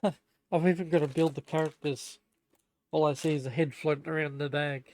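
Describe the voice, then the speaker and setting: A man's voice: fairly high pitch, steady tone, moderate pace, a little mellow. A young man chatting casually while building on a live stream, stumbling as he reads the manual aloud. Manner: chatty, self-deprecating, stumbles over reading. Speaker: livestreamer building a Lego set.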